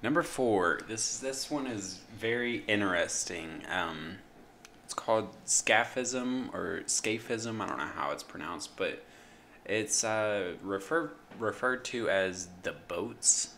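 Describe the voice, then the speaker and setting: Young male podcast co-host, deep and slow, hesitant explainer, bright edge, faint hiss behind. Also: creaky. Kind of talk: casual chat.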